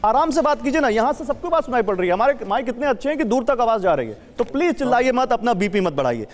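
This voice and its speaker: Fields. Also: male voice, very high-pitched, very animated, fast talker, faint music behind. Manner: forceful, keeps cutting in to restore order. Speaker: TV debate anchor. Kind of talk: moderating a heated panel debate. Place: TV news studio.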